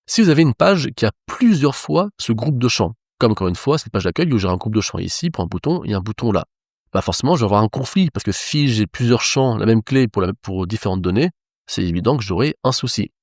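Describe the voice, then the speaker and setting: A man's voice: on the low side, lively intonation, brisk, darkish tone, no echo, studio quality. A man teaching web development, explaining each step of a screen-recorded tutorial to his viewers.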